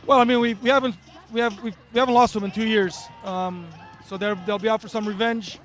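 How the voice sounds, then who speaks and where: Fast-talking, high-voiced male coach. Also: fairly even intonation. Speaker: basketball coach being interviewed. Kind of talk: post-game interview.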